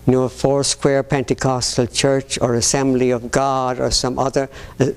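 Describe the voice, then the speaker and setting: A man preaching a sermon in a slow, deliberate way, often pausing and restarting his phrases. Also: medium pitch, level tone, clean tone.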